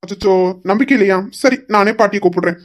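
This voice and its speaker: In an ordinary mid-range voice, a woman plays a stubborn young husband who teases his wife and won't be left behind. Her tone is playful and mock-sweet, with long, drawn-out pleading.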